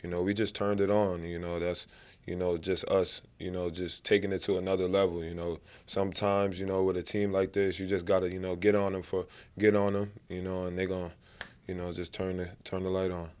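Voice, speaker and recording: A young man, a college basketball player, giving a relaxed post-game interview and filling nearly every phrase with "you know". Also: low voice, fairly quick, clean tone. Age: young adult. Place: press backdrop at an arena. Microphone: handheld mic held by interviewer.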